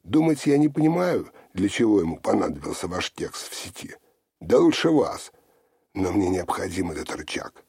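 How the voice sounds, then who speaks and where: A man's voice: low voice, a little mellow, slightly rough, no echo, studio quality, exaggerated voice. A man voicing a pushy, confident male investigator who talks in an insistent, lecturing way. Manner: insistent, self-assured, lecturing.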